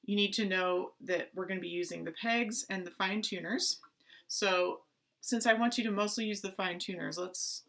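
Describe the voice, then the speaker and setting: A woman teaching a playful online strings lesson for children, asking questions and keeping it lively. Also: mid-range voice. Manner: animated, talks to kids with pretend play and questions. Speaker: music teacher. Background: violin notes.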